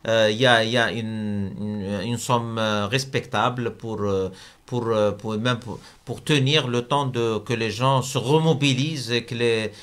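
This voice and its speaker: A man's voice: medium pitch, steady tone, measured pace, fairly bright tone, clean tone. Hesitant man full of fillers. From Algeria. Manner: hesitant, many fillers and restarts. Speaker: business leader guest. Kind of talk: debate interview.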